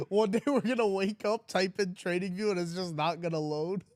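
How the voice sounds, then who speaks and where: A man's voice: sits high, fairly even intonation, normal speed, no echo, studio quality. Blunt young man chatting on a livestream. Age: 20s. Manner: blunt, teasing, reads chat aloud. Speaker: livestream trading host. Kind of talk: casual livestream chat.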